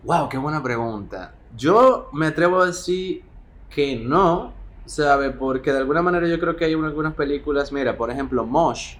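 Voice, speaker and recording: This is a film director from the Dominican Republic, speaking colloquially and reflectively during a conversational interview at his home. His voice is a little high and fairly bright, with a Dominican Caribbean Spanish accent and normal speed. Motorbike street noise is clearly heard.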